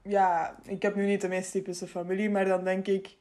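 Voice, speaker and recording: A woman's voice: medium pitch, level tone, moderate pace, warm tone. Flemish woman hosting a casual chat. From Belgium. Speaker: podcast host.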